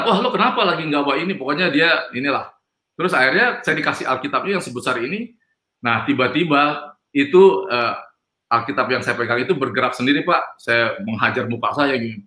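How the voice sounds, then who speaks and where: A man's voice: mid-range voice, sharp tone. A man telling a personal testimony in an interview, rambling and emphatic, with frequent fillers. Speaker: guest. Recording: echoey room.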